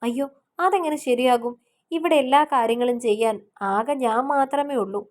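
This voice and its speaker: Brief: chatty young man friend in an audiobook romance, voiced by a woman, hurried, voice a touch high. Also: a little mellow, close to an everyday voice. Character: talkative young man, busy organizer friend.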